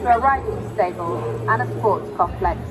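A synthetic female humanoid robot voice answering questions in formal, measured sentences without contractions. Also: mid-range voice. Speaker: interviewee. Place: busy tech expo hall. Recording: loud crowd and music behind.

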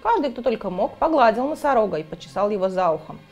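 A woman reading a children's book aloud, in an expressive storytelling manner. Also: medium pitch, quick pace, soft background music. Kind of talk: storybook narration.

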